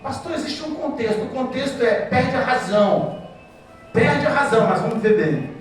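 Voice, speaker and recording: High-voiced man preaching in an echoey hall. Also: moderate pace, soft background music. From Brazil. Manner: animated preaching with audience back-and-forth. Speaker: pastor. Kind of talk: sermon to couples. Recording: very echoey hall, mic from far off.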